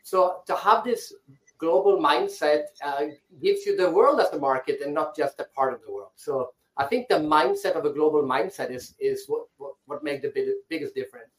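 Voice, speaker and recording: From the rooftop of his island house, a guest speaker from Sweden answers interview questions with care, frequently restarting what he says. His voice is on the high side and his pace normal, and the online audio is echoey.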